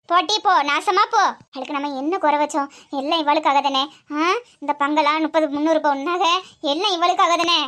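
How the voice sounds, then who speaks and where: Cartoon: woman playing a shrill, bright, indignant greedy mother-in-law with a Tirunelveli accent. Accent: Tirunelveli Tamil. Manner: scolding, indignant, sharp-tongued. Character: scheming greedy middle-aged mother-in-law. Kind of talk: cartoon comedy voice acting.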